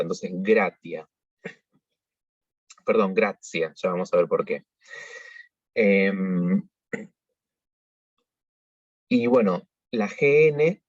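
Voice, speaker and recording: A man teaching pronunciation in a measured, explanatory way, pausing often to think. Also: fairly low pitch, darkish tone, no room sound. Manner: measured, explanatory, with frequent hesitations. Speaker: liturgical singing workshop teacher. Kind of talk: pronunciation tutorial. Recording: dull lo-fi recording.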